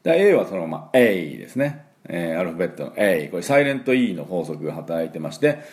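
A Japanese-speaking man teaching English pronunciation, repeating each sound slowly for learners and filling pauses with "um" and "well". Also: low voice, very animated. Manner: frequent fillers "えー" and "まあ". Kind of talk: pronunciation lesson.

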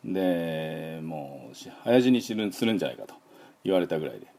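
Deep gravelly man teaching pronunciation. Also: sing-song, brisk, dark tone. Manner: chatty, many fillers, demonstrates sounds repeatedly. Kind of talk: casual spoken lesson.

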